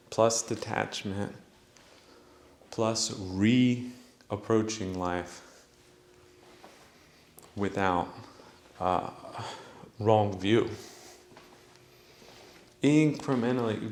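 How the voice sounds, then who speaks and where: Slow, scolding man in an echoey room. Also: fairly low pitch, darkish tone, slight background noise. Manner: scolding, mocking, preachy with laughs. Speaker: podcast host. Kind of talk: spiritual monologue.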